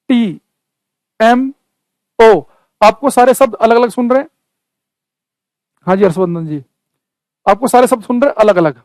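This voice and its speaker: A man's voice: extremely high pitch, a little mellow, no echo, low-quality recording. A man teaching a physics lesson, explaining step by step and asking his students questions. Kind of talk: classroom physics lecture.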